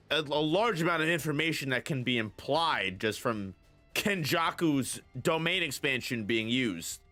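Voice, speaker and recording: A young man with a bright, sharp-edged voice talks through a casual anime discussion. He rambles, piling up fillers and restarting his sentences. Faint music sits under the talk. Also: medium pitch. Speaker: channel host.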